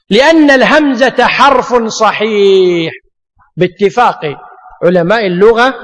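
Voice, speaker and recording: Man, teacher, high-pitched, emphatic, rhetorical questions, hall reverb. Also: fairly bright tone. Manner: asks rhetorical questions and answers them; emphatic, drills rules by repetition. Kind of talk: classroom grammar lesson.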